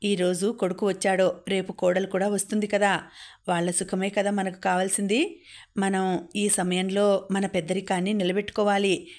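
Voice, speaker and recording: A woman voicing a gentle, patient middle-aged mother in a storybook reading, speaking softly and pleadingly. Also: mid-range voice, flat delivery, moderate pace, close to an everyday voice.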